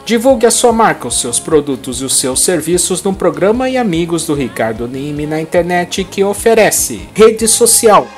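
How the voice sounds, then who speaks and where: A man's voice: high-pitched, very animated, normal speed, hardly any pauses, over music. Upbeat male events host, headset mic. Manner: upbeat announcer reading listings, friendly asides. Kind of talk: events roundup and birthday greetings. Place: indoors against a plain bright wall.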